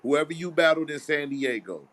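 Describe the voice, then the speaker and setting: A man's voice: on the high side, normal speed, a crowd in the background. A man hosting a casual podcast, talking with hyped, emphatic slang. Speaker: podcast host.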